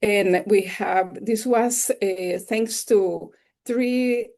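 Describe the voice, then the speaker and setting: Gravelly and slow, with a mid-range, darkish voice, a woman from El Salvador leads a slide-based webinar lecture. Spanish is her first language, and she teaches with an enthusiastic, explanatory manner.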